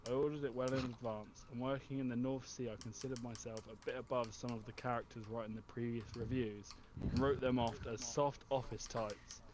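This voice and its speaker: A male host reads a humorous written review aloud like a storyteller, often breaking into laughter. His medium-pitched voice moves little in pitch and runs a bit fast with hardly any pauses. The mic is very noisy, with clicks.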